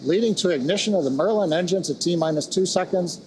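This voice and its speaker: A man's voice: high voice, quick pace, a little mellow, rough recording. A man hosting a launch webcast with explanatory, matter-of-fact technical commentary. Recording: faint background noise.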